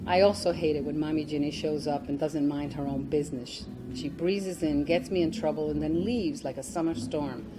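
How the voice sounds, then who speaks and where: A woman's voice: deep voice, normal speed, hardly any pauses, close to an everyday voice. A woman reading aloud the lines of a mischievous, spoiled young girl who bosses and whimpers, in a noisy recording. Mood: whimpering. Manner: bossy, then whimpering complaints.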